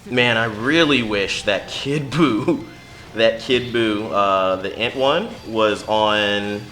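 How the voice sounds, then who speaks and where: A man's voice: fairly low pitch, takes it slowly. A man casually commenting on his own mobile game run, talking to himself and his viewers as he plays. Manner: chatty, mutters to himself, bursts loud at big hits. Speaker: gaming channel host.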